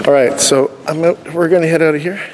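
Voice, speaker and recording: A middle-aged man hosts a night exploration vlog, chatting casually with a joking streak in a fast, steady, fairly high voice. He roams a dark abandoned building and the outdoors at night, and the handheld camera at arm's length picks up noisy location audio.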